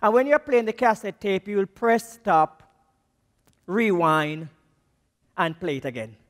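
A man with a Jamaican accent preaching a sermon as a missions speaker, slow and emphatic, his voice dropping low on the key words. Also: animated. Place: church. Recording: long reverb of a church hall.

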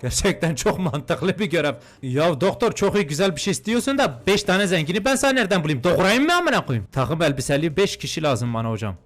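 A young man giving crude, joking commentary while playing a video game, swinging between muttered remarks and mock-outraged shouting. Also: fairly high pitch. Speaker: gaming YouTuber. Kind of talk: comedic let's-play commentary.

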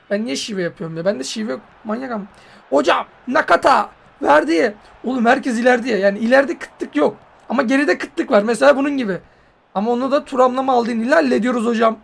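High, gravelly excitable man gaming. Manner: excitable, joking, swears and yells at players. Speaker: mobile football gamer. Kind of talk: casual gameplay commentary.

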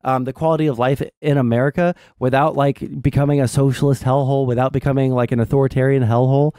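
A young adult man hosting a stream, explaining his political views casually in a measured, halting way. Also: medium pitch, steady tone, warm tone, clean tone, no room sound, studio quality. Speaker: streamer host. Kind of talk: casual political discussion over a game stream. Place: small indoor streaming room. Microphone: close desk mic with headset.

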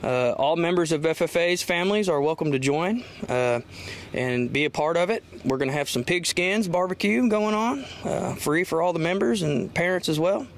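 A man, an FFA advisor, answering interview questions casually and haltingly, with many filler sounds. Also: a little high, a little hiss or hum.

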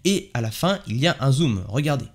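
A man hosting a software tutorial, explaining eagerly and step by step. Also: mid-range voice, sing-song, a little fast. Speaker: tech video host. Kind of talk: screen-share software tutorial.

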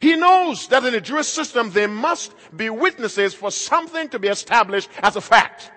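A middle-aged male pastor preaching a sermon emphatically, moving between loud and quiet passages. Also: very high-pitched, animated, normal speed. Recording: long hall reverb.

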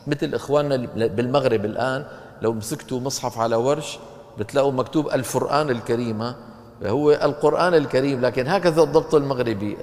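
A man teaching Quran recitation, explaining points with questions to his class and chanting verses slowly. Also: mid-range voice, in a large hall. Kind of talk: recitation lesson with chanted examples.

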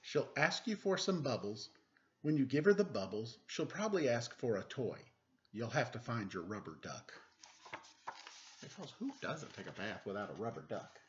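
Very animated and at a moderate pace, the forty-something storytime host reads a picture book from a room at home with playful, chatty asides. His mid-range voice comes through dull lo-fi webcam audio with slight background noise.

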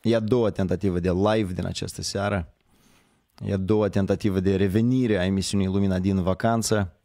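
Male live-stream host, low and hoarse, chatty and meandering, bone-dry close sound. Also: steady tone, dark tone, no echo. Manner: rambling, conversational, self-correcting. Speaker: host of a live online show. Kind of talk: casual live-stream commentary.

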